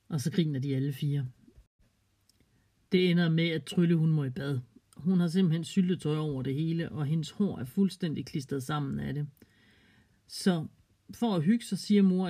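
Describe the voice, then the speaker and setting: A storyteller narrating a children's story in a calm, gently expressive way. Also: mid-range voice.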